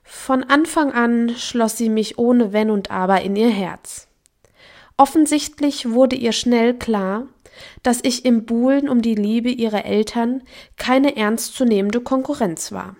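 A young woman narrating a first-person audiobook in a calm, intimate way, dropping to a hush in sad moments. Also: fairly high pitch, unhurried.

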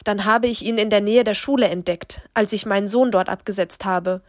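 A woman's voice: mid-range voice, brisk, dry recording, clean studio sound, close to an everyday voice. A woman reading as a sobbing, stammering mother. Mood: bitter, angry. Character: distraught mother confessing, tearful and angry.

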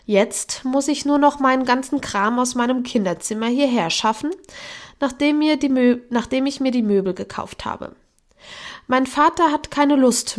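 A woman reading a first-person audiobook in a calm, even storytelling manner. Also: a little high. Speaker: audiobook narrator.

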